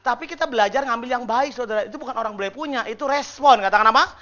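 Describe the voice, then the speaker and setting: A man preaching a sermon to his church in a casual, lively way, acting out the congregation's responses and joking with them. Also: very high-pitched, very fast, muffled recording. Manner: lively, acts out congregation responses and mimics whispered prayers. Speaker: pastor. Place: church service.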